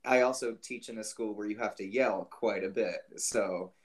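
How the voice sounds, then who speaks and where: A man who teaches school, co-hosting a casual podcast chat and telling an animated story. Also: lowish voice, moderate pace.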